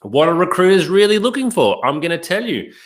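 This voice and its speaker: A middle-aged man coaches job seekers in a live online workshop, his voice sitting a little higher than most men's. He talks in an upbeat, emphatic way and keeps turning to his viewers with rhetorical questions. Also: very animated, brisk. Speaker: career coach.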